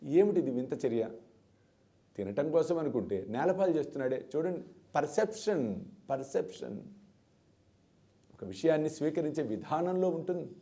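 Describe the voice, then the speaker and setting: Male spiritual teacher for a televised discourse, relaxed warm voice, storyteller who acts out the characters. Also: a little high, moderate pace, pauses often. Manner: dramatic storytelling, acts out voices, emphatic repetition.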